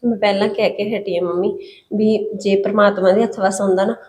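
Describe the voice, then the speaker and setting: A woman playing a gentle, timid young pregnant daughter-in-law who softly consoles her sister-in-law in a village short film. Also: mid-range voice, steady tone, natural voice. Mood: gentle, consoling. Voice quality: soft, consoling, quick talker.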